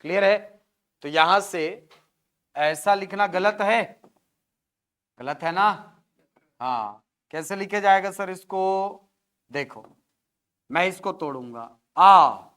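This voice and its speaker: A man's voice: sits high, slow pace, long pauses, a bit bright. A male teacher giving a classroom lecture, sounding out syllables one by one at the board and often checking whether his students follow, with a Chhattisgarhi Hindi accent.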